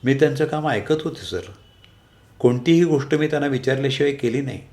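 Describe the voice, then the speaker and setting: A man's voice: medium pitch, brisk, darkish tone, voice pushed up, close to an everyday voice. A man voicing a female office clerk who defends herself in a polite, earnest tone, read aloud in a story.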